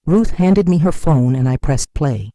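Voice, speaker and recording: Older woman narrator, mellow and dry, lively pitch, sombre scripted storytelling. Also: dry recording. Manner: sombre, measured, wounded. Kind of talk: scripted first-person narration.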